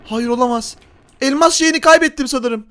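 A man's voice: extremely high pitch, normal speed, pushed and bright. A man hosting a Minecraft role-play, chatty and teasing, talking to his viewers. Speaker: game role-play host and narrator.

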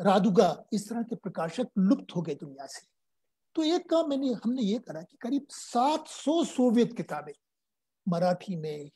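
An older man from Uttar Pradesh answers interview questions as a guest in an earnest, explanatory way, now and then switching into English phrases. His voice is mellow and dark-toned, with a husky, slightly rough edge. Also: high-pitched. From India, Uttar Pradesh. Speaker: guest science popularizer.

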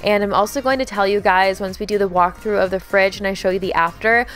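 A woman's voice: medium pitch, steady tone, quick pace, fairly bright tone. A young woman, a home vlogger, giving a chatty, upbeat voice-over that explains each step of her cooking.

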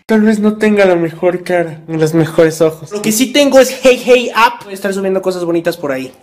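A woman's voice: mid-range voice, a little fast, a little mellow. A woman with a Mexican Spanish accent acting out exaggerated comedy sketches, switching between mother and child roles.

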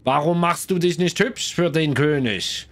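Vain, prissy falcon, as a man puts it on: a scolding, hissing storybook bird voice, pitched high. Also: a little slow.

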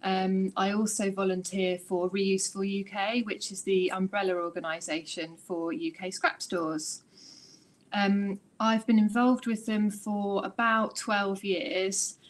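A British woman in her thirties speaks over a laptop webcam from her living room as a guest speaker. She talks informally and warmly, with a few ums. Her voice sits at a middle pitch for a woman. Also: flat delivery, a little slow. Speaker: guest speaker, scrap store chair. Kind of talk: informal talk on a video call. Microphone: laptop webcam video call.

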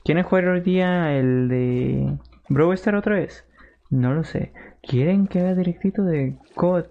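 A man's voice: on the high side, a little slow, vocal fry, highs cut off. A man streaming live gameplay, chatting with viewers and yelping in panic. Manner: excitable, yelps and shrieks in panic. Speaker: gaming streamer.

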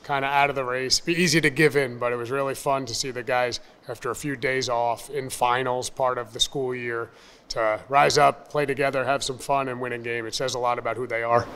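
A man in his thirties, a baseball coach, answering questions at a postgame press conference in a measured, upbeat, plain-spoken way from a table mic. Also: mid-range voice, steady tone, a bit bright, clean tone, in a large hall. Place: press room in front of a sponsor backdrop. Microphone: table mic on a stand.

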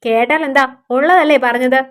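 A woman voicing a harsh, scornful husband who shouts insults at his wife. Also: high-pitched, fairly even intonation, moderate pace, lightly acted. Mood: angry scolding. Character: harsh scornful husband, middle-aged man.

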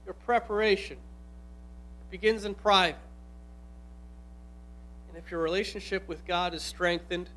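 A man's voice: high-pitched, sharp tone, a little hiss or hum. A man in his forties, a pastor giving an earnest, conversational sermon from a pulpit in a church hall. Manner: earnest, conversational preaching with asides. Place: church hall with altar table. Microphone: stand microphone at pulpit.

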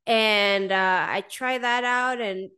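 Taking it slowly, a Swedish-raised woman in her thirties speaks in a mid-range voice that's pushed and bright yet clean, with fairly even intonation. It's casual interview talk over a video call, chatty and thick with fillers and "like." She's in a small indoor room with a desk microphone in frame nearby.

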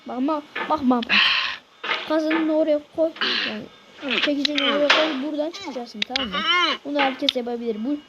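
A woman's voice: high-pitched, brisk, highs cut off. A woman giving casual gameplay commentary, exasperated and scolding her game character. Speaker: gaming channel host. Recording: loud background noise.

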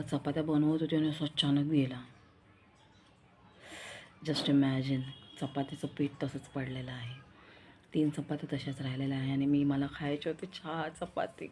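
A woman's voice: low-pitched, mellow, a little hiss or hum. A young woman with a Marathi accent chatting in a rambling, confiding vlog style, repeating herself as she talks. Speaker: vlogger. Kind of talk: casual vlog chat.

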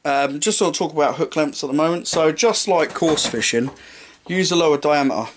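In a small indoor room with a striped curtain, a fishing vlogger in his twenties goes through his gear for a nearby camera mic, his voice fairly high and fairly quick over a faint hiss or hum. His delivery is loose and rambling, full of mid-sentence corrections and offhand cracks about his knots and the lighting.

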